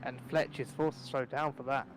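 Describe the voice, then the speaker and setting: A man's voice: mid-range voice, fairly even intonation, moderate pace, slight background noise. A man giving live commentary on an online endurance race, rambling and correcting himself as he talks. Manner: rambling, self-correcting, chatty. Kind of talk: live sim racing commentary.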